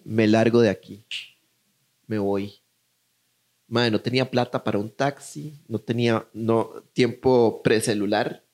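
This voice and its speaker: A man's voice: lowish voice, steady tone, a little slow, darkish tone. A young man with a Costa Rican accent telling a story in casual chat, acting out voices as he goes.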